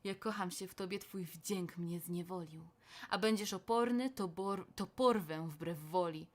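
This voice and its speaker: A woman voicing a seductive male elf king spirit who coaxes and menaces in a low, hushed manner. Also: a little slow. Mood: coaxing.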